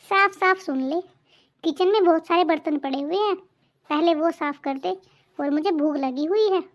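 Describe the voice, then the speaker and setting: A nagging, greedy mother-in-law from a cartoon family drama, voiced by a woman, with a very high, thin voice. She scolds and jabs with sarcasm. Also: normal speed. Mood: scolding.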